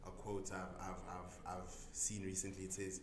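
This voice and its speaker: A young man chatting casually as a podcast guest, full of slang and sudden excited outbursts. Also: low voice, normal speed. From South Africa. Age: young adult. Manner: laid-back, lots of slang and repeated "bruh", bursts of excited shouting. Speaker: podcast guest, rugby player. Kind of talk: casual chat. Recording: echoey room with background noise.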